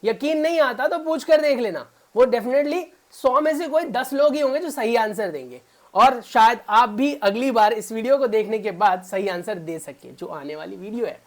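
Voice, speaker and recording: Pitched very high, his voice has a lively intonation and a normal speed. A man leads a beginner-level spoken English grammar lesson, repeatedly testing his viewers with questions in a fatherly tone, addressing them as "son."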